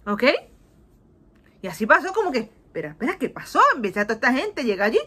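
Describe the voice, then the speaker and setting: Speaking fast with a slightly high, breathy-edged voice, this woman from Puerto Rico, in her thirties, gives kids a Bible lesson through a webcam on a video call. Her Puerto Rican Spanish accent carries lively acted-out voices, bits of English, and frequent "¿ok?" checks, all from a small indoor room.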